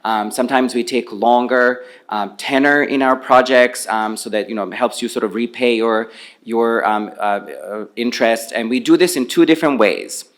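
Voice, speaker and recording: A man's voice: mid-range voice, normal speed. Man from Bosnia, non-native English speaker, presenting at a conference, easygoing and conversational, mid-range voice. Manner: relaxed, conversational, walks around while speaking. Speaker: panel speaker on climate finance. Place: conference venue with a live audience. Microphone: handheld microphone.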